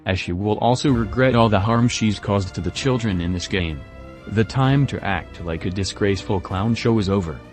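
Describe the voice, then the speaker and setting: A man's voice comes through a disguised deep voice, pitched low. He reads a scripted statement in a formal, stern and accusing manner, as an anonymous activist spokesman. Faint music plays behind him. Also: darkish tone.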